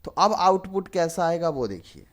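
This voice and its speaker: Young male tutor, slightly high voice, explains code step by step. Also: big pitch swings, normal speed. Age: 20s. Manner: explains step by step, asks and answers his own questions. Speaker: programming tutor. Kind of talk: screen-recorded coding lesson.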